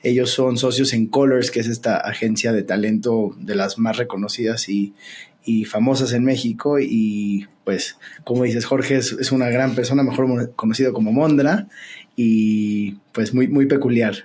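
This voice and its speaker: Male podcast co-host, husky, mid pitch, casual explainer. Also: fairly even intonation, moderate pace, darkish tone. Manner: friendly, explaining things to listeners.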